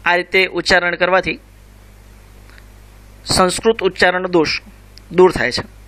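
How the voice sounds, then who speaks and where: A man, teaching a school revision lesson, reciting and explaining slowly and carefully. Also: high voice, flat delivery, bright, forceful tone. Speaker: Sanskrit teacher.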